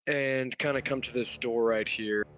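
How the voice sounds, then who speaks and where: A man's voice: medium pitch, fairly even intonation, unhurried, a bit bright. A man playing a tabletop game, describing his character's actions loosely with laughs. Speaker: player. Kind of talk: casual tabletop play.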